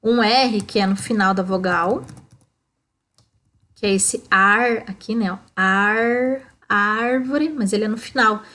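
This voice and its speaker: A woman's voice: medium pitch, sharp tone. A Brazilian woman teaching a primary school lesson, explaining step by step and checking in with "tá?". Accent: Brazilian Portuguese. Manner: slow, explaining, frequent "ó" and "tá?".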